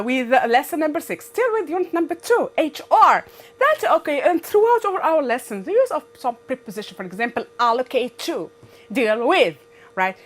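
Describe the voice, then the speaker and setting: A woman whose first language is Arabic, teaching an English grammar revision lesson with emphatic repetition and frequent checks like "right?" and "good". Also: a little high.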